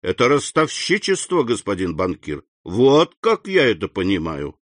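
A man reading aloud, voicing a calm, unhurried bandit chief who speaks low and coolly. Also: dry recording, studio quality, full character voice.

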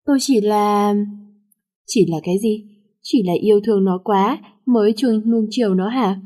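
A harsh middle-aged father scolds his daughter in a gruff, angry manner, as a woman reads him in a storybook. The voice stays mellow and dark in tone. There is no shouting and no strong change of voice. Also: mid-range voice, moderate pace, natural voice. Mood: scolding.

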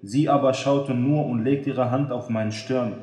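A man's voice: mid-range voice, steady tone, a little slow, a little mellow, close to an everyday voice. A man voicing a sad teenage girl who feels unloved by her mother, reading her lines in a plaintive, earnest way. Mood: sorrowful. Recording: echoey room.

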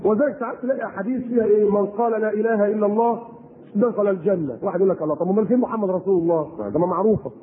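Animated Egyptian preacher, tinny recording. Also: male voice, high-pitched, rapid-fire. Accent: Egyptian Arabic. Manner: animated, rhetorical questions to the audience. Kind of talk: Egyptian colloquial sermon. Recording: tinny lo-fi recording with faint noise.

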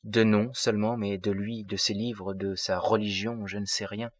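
A man's voice: on the low side, level tone, normal speed, husky, no room sound, clean studio sound. A man reading the lines of a passionate, brooding young man in a storybook reading. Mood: exalted.

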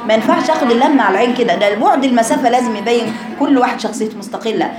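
A woman's voice: a little high, roomy sound, a crowd in the background. A woman with an Egyptian accent teaching her female students how to pronounce throat letters, asking questions and chanting examples. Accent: Egyptian Arabic. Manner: explains with questions, demonstrates sounds by drawn-out chanting. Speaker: Quran recitation teacher. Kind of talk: informal tajweed lesson to female students.

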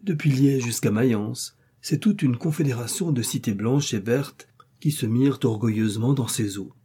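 A man reading an old moral tale aloud as a measured, literary narrator. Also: medium pitch, warm tone, slight background noise. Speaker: audiobook narrator. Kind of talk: scripted narration.

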